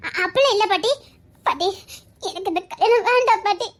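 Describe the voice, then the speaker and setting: A woman's voice: extremely high pitch, a little fast. A woman playing a sulky, headstrong young woman with a Tirunelveli accent who pleads against an arranged marriage in a one-voice audio drama. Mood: pleading. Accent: Tirunelveli Tamil. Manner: pleading, whiny, then scheming.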